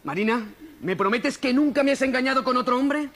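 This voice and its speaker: A man playing a very high-pitched jealous husband. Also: a little fast, fairly bright tone, full character voice. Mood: suspicious. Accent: Spain. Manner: melodramatic, indignant. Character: jealous, suspicious, exasperated husband. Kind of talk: comedy skit dialogue.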